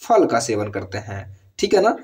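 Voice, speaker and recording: A man's voice: medium pitch, big pitch swings, normal speed, a little mellow. A man teaching an exam-prep lesson in speech, repeating key words again and again and checking in with the listener.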